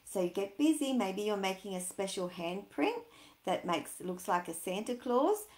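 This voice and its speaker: This children's storyteller, a woman in her sixties, has a medium, darkish voice that swings widely in pitch at a normal pace. She reads aloud and talks with young children in a lilting, questioning way from a small room at home, captured by a webcam with echoey, roomy sound.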